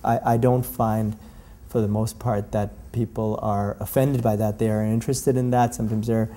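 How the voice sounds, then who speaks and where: A Canadian lawyer in his forties answers an interview question thoughtfully, often repeating words while he hunts for the right phrasing. His voice is fairly low and warm, with a flat delivery and a moderate pace.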